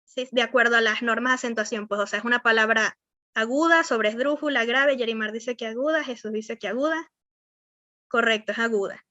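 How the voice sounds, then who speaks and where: A woman's voice: on the high side, brisk, pushed and bright, no echo, lo-fi sound. A young woman teacher with a Venezuelan accent, rambling through an online class with many fillers and frequent check-ins with her students. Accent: Venezuelan Spanish. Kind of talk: online class on verbal skills.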